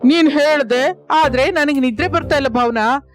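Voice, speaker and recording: A woman's voice: sits high, moderate pace, soft background music, lightly acted. Woman voicing a worried young husband. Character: anxious young husband, a villager.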